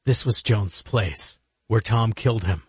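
A man's voice: fairly low pitch, unhurried, husky, no room sound. A man doing a grave older father. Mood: earnest. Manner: grave, earnest. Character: older male retired agent, weary father.

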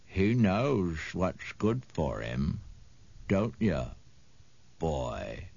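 A male reader voicing an oily, menacing old woman who coaxes in a slow, low, sinister drawl. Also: very animated, gravelly, darkish tone, husky, no echo, exaggerated voice. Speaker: audiobook reader. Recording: dull, dry studio read.

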